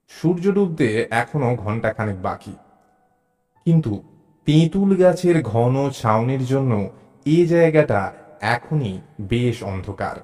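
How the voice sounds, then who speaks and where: Background music accompanies a male actor with a mid-range voice as he expressively narrates a suspense audio story in the role of a curious, mild, observant traveler.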